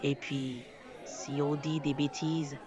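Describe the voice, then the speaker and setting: An AI assistant voice speaking as a podcast guest, slow and accommodating. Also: mid-range voice, flat delivery, a little mellow, a faint crowd. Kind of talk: synthesized assistant speech. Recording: music playing underneath.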